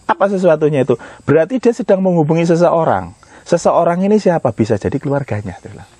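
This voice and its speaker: A man's voice: on the high side, animated, quick pace, warm tone, slightly rough, no echo. Dry-voiced man telling a story casually. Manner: rambling, repeats phrases, conversational asides. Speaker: storyteller recounting healing experiences.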